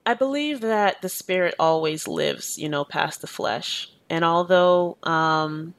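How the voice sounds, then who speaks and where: A woman in her thirties, born in Jamaica, speaks earnestly and reflectively as an interview guest. Her mid-range voice carries a gravelly fry. She is recorded dry and close. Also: on the low side, slow pace, no echo. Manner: thoughtful, earnest, many "you know" fillers. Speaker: educator and activist, interview guest.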